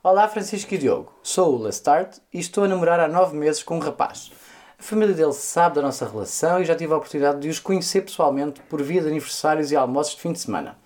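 A man's voice: on the high side, fast talker, a little mellow. A man with a European Portuguese accent co-hosting a casual comedy podcast, reading a listener's email aloud with camp, sassy asides and frequent swearing. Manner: camp, sassy, swears freely, dramatic exclamations. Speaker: podcast co-host.

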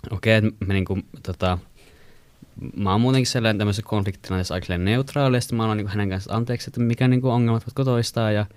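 A young man from Finland casually telling a long story to friends, rambling with many fillers and getting animated when he quotes people. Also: fairly low pitch, clear, resonant tone, dry recording.

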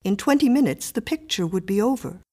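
A woman reading a story aloud in a measured, even way. Her voice sits in a middle pitch, and she keeps a steady storytelling manner throughout. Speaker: narrator. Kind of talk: scripted story narration.

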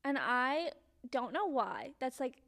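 High-pitched young Valley girl woman. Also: very animated, slow pace, fairly bright tone. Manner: Valley-girl talk, peppered with "like" and "literally". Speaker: podcast co-host. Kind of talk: casual chat.

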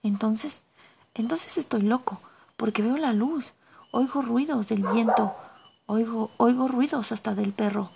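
A woman's voice: a little high, normal speed, gravelly, long pauses, background noise, voice pushed up. A woman voicing a weak, frightened young man lost underground, in whispered role-play, stammering and anxious. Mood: bewildered.

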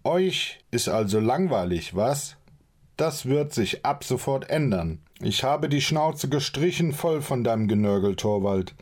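A man's voice: medium pitch, normal speed, few pauses, pitched above the performer's own voice, lightly acted. A man voicing an irritable male leader who scolds and barks orders at his companions, in an audiobook reading. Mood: furious. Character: irritable male leader, short-tempered and commanding.

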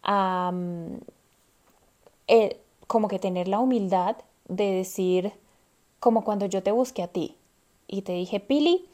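A young woman co-hosting a casual podcast chat, lively and acting out the things people say to themselves. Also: medium pitch, slow pace, long pauses. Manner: animated, acts out quoted self-talk. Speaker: podcast co-host.

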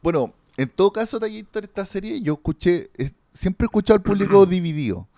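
This Chilean-accented podcast host has a high, warm voice and speaks in an animated, brisk way. He rambles casually about a series, full of slang and fillers, in a dry recording with clean studio sound.

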